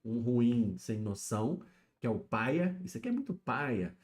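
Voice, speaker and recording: A man talks casually and alone to his live-stream viewers. His voice is mellow and warm and sits at a middle pitch. He keeps checking in with his audience as he explains things. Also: big pitch swings, unhurried. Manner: chatty, explaining, constantly checking in with "né?" and "tá?". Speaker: YouTube streamer. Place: home setup, alone.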